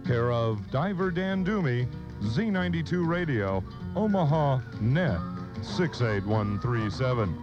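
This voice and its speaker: A man reading a radio tagline and address in a measured, deliberate way. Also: medium pitch, expressive, highs cut off, over music. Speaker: radio announcer.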